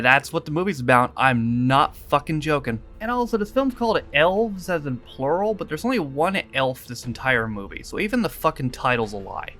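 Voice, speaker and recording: A man's voice: a little high, fairly bright tone. A man reviewing a film in a sarcastic, profane, exasperated rant. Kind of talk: comedic film review narration.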